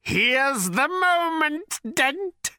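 A furious male creature out for revenge, swinging from a low, slow, rasping rumble to high bellowing shrieks. His voice swoops wildly and stays bright and sharp. It is recorded dry and close, with no room around it. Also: wildly swooping pitch, no room sound, exaggerated voice. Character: vengeful reincarnated creature, male, raging. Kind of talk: audiobook character voice.

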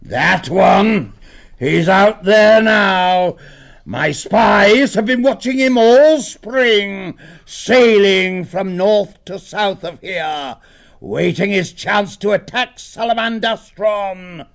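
A man voicing a huge, fierce old male badger lord who speaks slowly and gravely. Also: lively intonation, heavily acted. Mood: stately. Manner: slow, booming and grave. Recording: dull lo-fi audiobook recording.

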